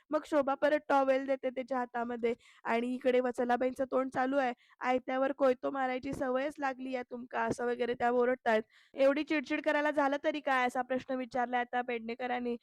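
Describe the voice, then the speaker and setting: A woman with a high-sitting voice narrates a chatty voice-over recap of a TV serial episode, speaking directly to viewers. The recording is dry, with no room sound.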